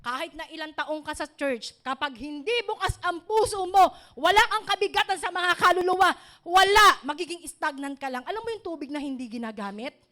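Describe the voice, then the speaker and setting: A middle-aged woman pastor, preaching an animated sermon built on personal stories. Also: high voice, fairly quick.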